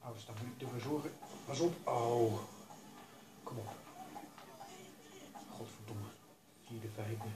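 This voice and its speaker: A man giving casual commentary over his own racing game, talking to himself and urging himself to stay calm. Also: mid-range voice, slow, pauses often, roomy sound, low-quality recording. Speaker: gaming YouTuber.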